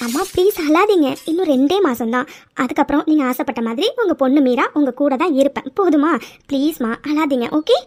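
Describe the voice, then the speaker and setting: A woman's voice: sits high, expressive, a little fast, a little mellow. A woman voicing a cheerful, teasing young daughter studying abroad in a cartoon. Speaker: daughter character. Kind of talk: cartoon voice acting.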